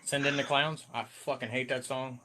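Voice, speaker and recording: A man in his forties in a casual chat, joking, swearing and breaking into loud bursts. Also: medium pitch, level tone, moderate pace. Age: 40s.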